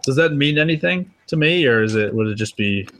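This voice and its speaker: A man's voice: mid-range voice, expressive, brisk, fairly bright tone. A man playing a tabletop role-playing game, bantering casually and speaking in character.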